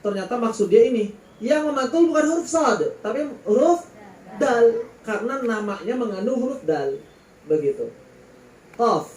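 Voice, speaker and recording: Man, high mellow voice, patiently explains recitation, drawls the letter names, echoey room. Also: expressive, moderate pace. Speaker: Quran recitation teacher. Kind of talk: Quran recitation lesson.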